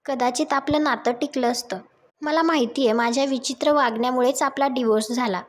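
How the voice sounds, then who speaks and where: A woman reading out the lines of a remorseful young woman who apologizes and begs for another chance, in her high voice. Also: steady tone, a little fast, close to an everyday voice. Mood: pleading.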